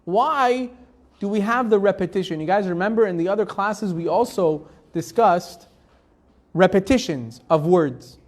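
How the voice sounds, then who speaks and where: Speaking in a high, unhurried voice, the rabbi teaches his Torah class live, translating Hebrew verses phrase by phrase after reading them. He asks rhetorical questions casually, with restarts and fillers throughout.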